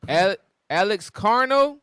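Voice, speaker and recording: A man reading news aloud for a group discussion, somewhat halting, with casual asides. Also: high voice, animated, fairly bright tone, clean tone, no room sound, studio quality. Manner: halting reader, stumbles over words. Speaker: article reader on a group discussion show.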